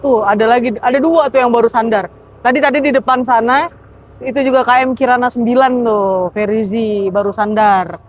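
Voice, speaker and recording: High-voiced girl vlogging at a port, chatty, muffled camera sound, light noise behind. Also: fairly even intonation, normal speed. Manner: chatty, hesitant, trails off with fillers. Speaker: travel vlogger. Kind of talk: casual vlog narration. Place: outdoors at a ferry port. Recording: muffled outdoor audio with faint noise.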